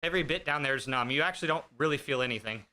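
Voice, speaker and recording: A fitness streamer in his thirties chats casually with viewers while riding an indoor bike, joking and poking fun at himself. His mid-range voice is rapid-fire, pushed, and bright, picked up by a streaming desk mic with a noise gate.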